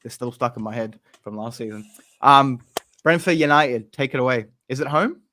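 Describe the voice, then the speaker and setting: With a bright, forceful, mid-range voice at a moderate pace, this football podcast host rambles casually alongside his co-hosts, frequently restarting sentences. The recording is dry.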